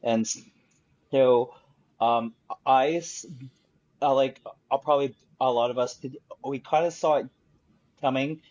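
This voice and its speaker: A man's voice: medium pitch, fairly even intonation, a little slow, pauses often, a little mellow. A man co-hosting a casual podcast chat, hesitant and full of fillers. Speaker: podcast co-host. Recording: dull lo-fi mic.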